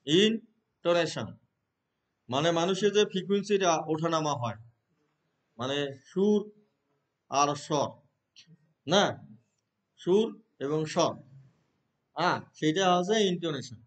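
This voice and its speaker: A Bangladeshi man teaching a class of trainee teachers, explaining terms, reading English definitions slowly and asking the room questions. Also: fairly high pitch, lively intonation. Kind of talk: classroom lecture.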